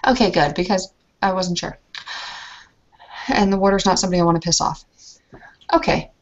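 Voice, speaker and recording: A woman with a fairly low voice speaks a little fast as a player in an in-character tabletop roleplay conversation. She's anxious and rambling, with many restarts. The recording is lo-fi and muffled.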